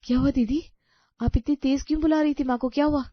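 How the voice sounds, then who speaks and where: Woman voicing a gentle, pleading young daughter-in-law. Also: medium pitch, fairly quick, no echo, close to an everyday voice. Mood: anxious. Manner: pleading, polite. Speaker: voice actor. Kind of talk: cartoon story voice acting. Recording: dry, slightly dull audio.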